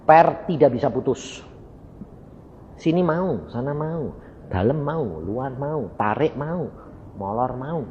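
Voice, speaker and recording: A middle-aged preacher, telling stories and acting out conversations in an unhurried, lively sermon. His voice rings through a long-echoing hall on a dull, muffled recording with faint background noise. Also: medium pitch. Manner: storytelling, acts out dialogue, addresses audience as brothers.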